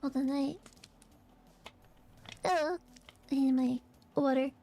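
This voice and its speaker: A woman streamer chatting casually and haltingly, her voice phlegmy and rattly in the chest, congested from allergies. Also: high-pitched, fairly even intonation, warm tone. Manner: halting, hesitant, trailing phrases. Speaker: vtuber streamer. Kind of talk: casual livestream chat.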